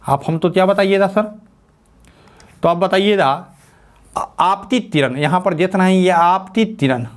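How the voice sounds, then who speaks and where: A man teaching a school physics lesson, dictating slowly, repeating phrases and asking and answering his own questions. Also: high voice.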